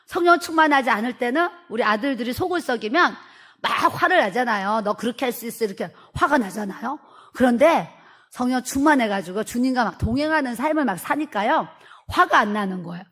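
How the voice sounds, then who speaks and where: A middle-aged woman pastor preaching a sermon earnestly, acting out family dialogue with laughs. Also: fairly high pitch.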